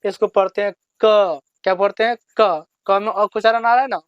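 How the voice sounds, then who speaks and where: A man's voice: high voice, fairly even intonation, clear, resonant tone, no echo, muffled recording. A man teaching children to read, asking a question and answering it himself in call-and-response drills. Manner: talks to children, slow and repetitive. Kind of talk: lesson, drilling letters.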